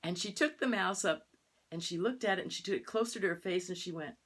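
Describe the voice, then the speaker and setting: Low-voiced older woman minister telling stories. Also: quick pace. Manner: chatty storytelling, lively quoted voices. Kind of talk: sermon.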